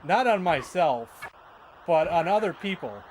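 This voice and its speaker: A man's voice: fairly high pitch, big pitch swings, a little slow, a little hiss or hum, rough recording. A man with a Michigan accent chatting casually and rambling, often repeating words as he tells stories. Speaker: streamer. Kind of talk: casual chat.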